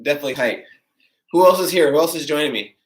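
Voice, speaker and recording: A congested fitness coach with a slightly high voice coaches quickly but relaxed and friendly, demonstrating stretches on the floor for a live-streamed workout. He's in an indoor garage gym, caught by a camera mic from across the room, so his voice sounds distant and echoey.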